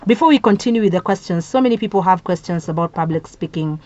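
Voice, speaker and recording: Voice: medium pitch, animated, fast, darkish tone. A radio host, interviewing a guest in an encouraging way and mixing in some Swahili. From Kenya. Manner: encouraging, many listening murmurs. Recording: slightly dull radio studio audio.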